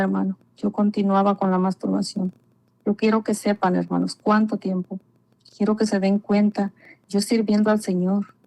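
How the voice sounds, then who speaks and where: A woman's voice: mid-range voice, darkish tone, low-quality recording. Earnest woman giving a faith testimony. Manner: earnest, repetitive, often addresses listener as brother. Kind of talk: personal religious testimony.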